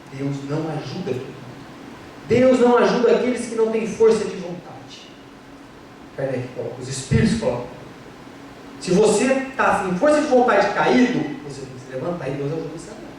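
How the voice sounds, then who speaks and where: In a lecture on spirituality and health, a Brazilian physician speaks briskly and with great animation, his voice high-pitched yet darkish in tone. He rattles off rhetorical questions and impersonates complaining patients, heard from far off in an echoey hall with slight background noise.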